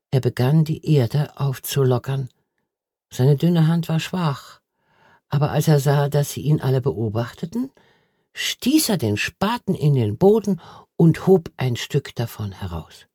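A reader giving calm, even scripted narration of a children's novel. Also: medium pitch, slightly rough, no echo, clean studio sound. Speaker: audiobook narrator.

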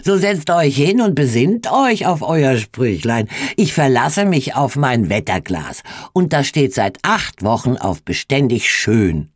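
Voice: medium pitch, sing-song, measured pace, hardly any pauses, breathy edge, no room sound, studio quality, pitched above the performer's own voice. A reader voicing a stout, proud, stubborn farmer man in a storybook reading, blustering and emphatic. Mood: scornful boast. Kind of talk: audiobook reading.

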